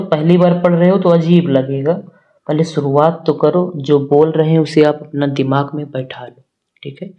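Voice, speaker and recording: A man's voice: fairly high pitch, lo-fi sound. A man teaching a maths lesson, talking straight to his students, asking them questions and answering them himself. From northern India. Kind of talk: classroom-style maths lesson.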